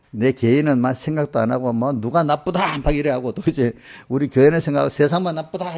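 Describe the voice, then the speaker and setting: A man's voice: medium pitch, creaky, a little mellow. A middle-aged male pastor giving a conversational sermon in a church, often checking in with the congregation with short tag questions. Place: church sanctuary.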